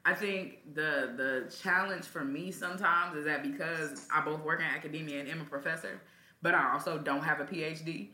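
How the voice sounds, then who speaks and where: Bright, low-pitched woman, echoey room. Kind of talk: casual podcast chat.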